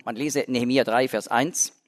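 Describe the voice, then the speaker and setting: A man's voice: mid-range voice, steady tone, normal speed. A man giving a Bible lecture, explaining word by word with frequent restarts and fillers, stressing key words. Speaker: Bible teacher. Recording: long hall reverb.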